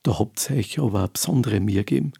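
A man's voice: fairly low pitch, fast, creaky, breathy edge, no echo, studio quality, pitched below the performer's own voice, full character voice. A man voicing a kind young prince who talks in a friendly, easy way in a storybook tale. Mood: pleased. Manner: friendly, warm-hearted praise.

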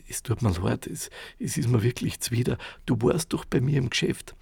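A man's voice: medium pitch, lively intonation, moderate pace, creaky, darkish tone, slightly rough, no room sound, exaggerated voice. A man voicing a friendly, apologetic village shopkeeper who coaxes a customer.

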